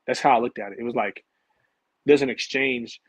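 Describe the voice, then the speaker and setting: A man's voice: medium pitch, brisk, breathy edge, dry recording, poor audio. A man in an interview, telling his own basketball stories in casual slang and acting out his past conversations. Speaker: interview guest, former college and pro basketball player.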